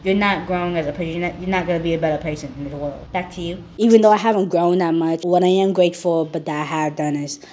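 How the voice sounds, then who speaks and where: A woman talking frankly in a rambling personal vlog, her voice rough from being sick. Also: fairly low pitch, quick pace, few pauses, darkish tone, a little hiss or hum. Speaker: YouTuber.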